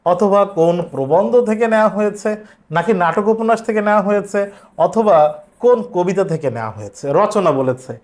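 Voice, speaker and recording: High-voiced man teaching exam prep. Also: darkish tone. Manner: explains step by step, repeats words slowly for pronunciation.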